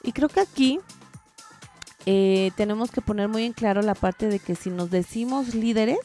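A woman's voice: medium pitch, normal speed, mellow, faint music behind. Chatty Mexican woman podcaster with playful asides. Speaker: podcast host. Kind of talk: casual conversational monologue.

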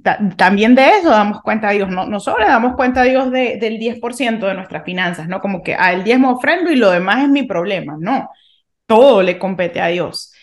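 A woman's voice: medium pitch, lively intonation, a little fast. Reflective Venezuelan-born woman, thinking aloud. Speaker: podcast co-host. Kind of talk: casual faith discussion.

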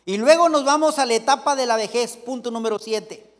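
A middle-aged preacher with a strikingly high voice for a man delivers a folksy, joking sermon and keeps turning to his congregation. His words ring out with a long reverb through a church hall. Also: a little fast.

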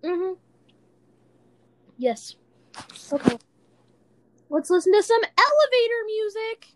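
A woman's voice: extremely high pitch, sing-song, slow. A woman co-hosting a casual chat podcast, telling rambling stories with lots of giggles. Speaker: podcast co-host.

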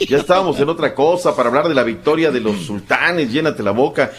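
Male sports desk host, brisk radio roundup, mid-pitched voice. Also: a little hiss or hum. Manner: brisk, joking with co-hosts.

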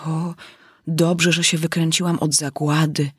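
Casting: a woman as a fretful little storybook girl, husky voice, sighing and wondering aloud. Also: low voice, little pitch movement, a little slow, dry recording, studio quality. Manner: wondering aloud, dramatic sighs. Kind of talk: storybook reading.

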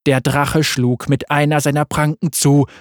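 A man narrating a fantasy story aloud in a steady reading voice. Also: fairly high pitch, unhurried, no room sound, clean studio sound.

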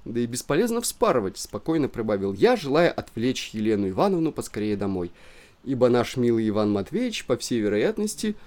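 A man's voice: mid-range voice, big pitch swings, fairly quick, darkish tone. Man reading a story theatrically. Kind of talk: literary audiobook narration.

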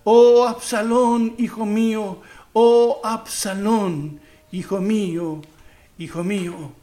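A man voicing a grieving father king who laments his lost son in slow, drawn-out cries. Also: high-pitched, steady tone, dark tone. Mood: grief-stricken.

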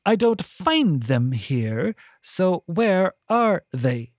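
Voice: mid-range voice, sing-song, very slow, no room sound, studio quality, pitched above the performer's own voice. A narrator voicing a stern, strict woman who teaches at a temple and gives curt orders. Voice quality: curt, commanding.

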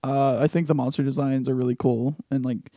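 A man's voice: mid-range voice, little pitch movement, warm tone, no echo, clean studio sound. A man in casual gaming chat, joking and swearing freely. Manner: quick, profane, jokey.

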